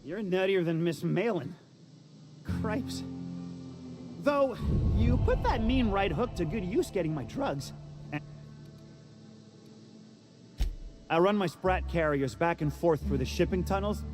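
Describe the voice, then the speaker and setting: An actor playing a sly, smooth-talking drug runner boss with folksy old-timey slang in a video game. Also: male voice, high-pitched, lively intonation, unhurried, long pauses, music in the background. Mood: sardonic.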